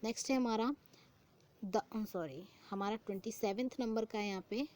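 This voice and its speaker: A young woman goes through exam vocabulary, reading English phrases slowly with Hindi explanations and often repeating the answer as a question. Her pitch is medium, a little mellow, and faint background noise is audible.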